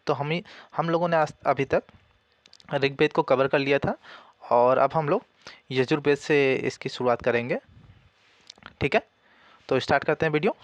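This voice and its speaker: A man's voice: a little high, moderate pace, pauses often, no room sound. A man giving a casual spoken exam-prep lesson, asking questions and answering them himself, and repeating key points. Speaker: exam coaching teacher.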